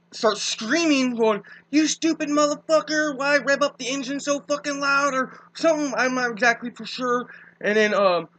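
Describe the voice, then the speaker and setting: A man's voice: high voice, pushed and bright, rough recording. A young man, rambling casually with many fillers and swear words as he tells his side of a dispute.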